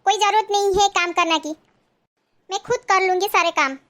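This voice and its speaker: एक महिला द्वारा निभाई गई थकी-हारी, चिड़चिड़ी बहू, जो बहुत ऊँची आवाज़ में तीखे ताने मारती है।. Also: female voice, very high voice, moderate pace, a bit bright. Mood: curt. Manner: snappy, sarcastic. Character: overworked, short-tempered young wife. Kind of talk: comedy skit acting.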